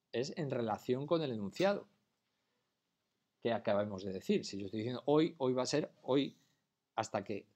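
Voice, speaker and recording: A man from lectures a class at an ordinary, mid-range pitch. He explains step by step and keeps pausing to ask whether everyone has understood. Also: a little mellow. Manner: patient, keeps checking understanding with questions. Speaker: teacher.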